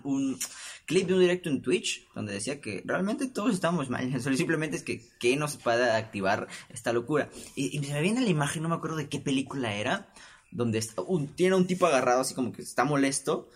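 Hosting a relaxed solo podcast, this young Peruvian-accented man speaks in a mid-range voice with a breathy edge. His talk wanders, full of stammering restarts, and he performs the voices of characters in his stories.

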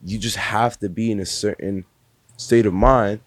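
A man's voice: on the low side, fairly even intonation, moderate pace, slightly rough, no room sound. A man in his early twenties, a podcast guest talking casually and earnestly, full of "like" and "bro". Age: 20s. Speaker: podcast guest, music industry worker.

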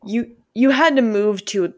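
A woman's voice: a little high, a little slow. A stoned woman in a casual discussion, rambling frankly, swearing and peppering her talk with "like".

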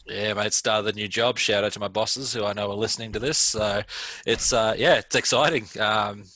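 Upbeat low-voiced male podcast co-host. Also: steady tone, moderate pace, sharp tone, no echo. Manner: upbeat, enthusiastic, says "mate". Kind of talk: casual football podcast chat.

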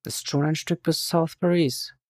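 A man's voice: a little high, fairly even intonation, a little slow, no room sound, clean studio sound, voice pushed up. A man doing an easygoing, evasive boss. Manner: friendly and easygoing. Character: friendly, evasive middle-aged boss.

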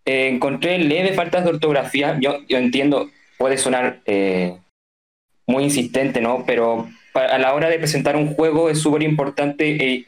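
Male podcast co-host, hesitant and measured, casual review tone. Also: mid-range voice. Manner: hesitant, many filler "eh"s, measured critique.

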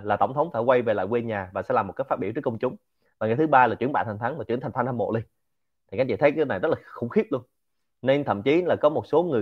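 A man from central Vietnam with a Quảng Nam accent, a lecturer and Q&A show host, gives an informal business lecture in an animated, rhetorical style, often asking the audience to agree. His voice is medium-pitched, and the audio is narrow and tinny.

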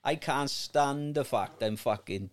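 A man's voice: mid-range voice, a little slow. A man in his late thirties, a podcast guest chatting casually, sweary and rambling with repeated words. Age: 30s. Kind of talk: casual chat.

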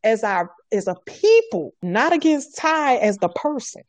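A woman's voice: on the high side, very animated, unhurried, slight background noise. A woman on a podcast talking earnestly, repeating her points for emphasis. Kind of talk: casual podcast conversation.

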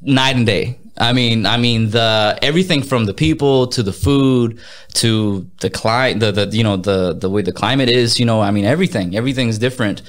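A man in his thirties from Mexico chats as an interview guest, mid-pitched and energetic. He restarts his sentences often and slips Spanish phrases into his talk. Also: normal speed. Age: 30s. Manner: energetic, repeats words, mixes in Spanish phrases. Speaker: guest, music artist and businessman. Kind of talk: casual interview chat.

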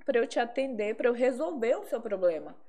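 A woman, co-hosting a casual podcast chat about the beauty trade and talking emphatically, sometimes dropping her voice low for effect. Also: lively intonation, fairly quick, dark tone. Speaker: podcast co-host, beauty professional.

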